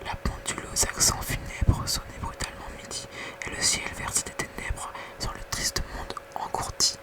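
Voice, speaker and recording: Hushed whispered ASMR poetry reader. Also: moderate pace. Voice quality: soft unvoiced whisper, quiet as at night. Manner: hushed bedtime reading with casual whispered asides.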